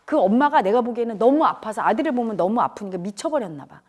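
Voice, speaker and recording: At a spiritual community talk, a middle-aged woman earnestly tells an audience about a painful childhood memory. Her darkish voice sits on the high side, quick and lively in intonation, turning tearful at times and rising to cries as she relives events.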